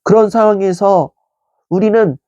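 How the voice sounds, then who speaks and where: A pastor giving a calm, measured sermon at an online prayer meeting, slowing down and softening the voice for quoted words. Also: mid-range voice, no echo, highs cut off. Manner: calm, measured preaching with soft, slowed quotations.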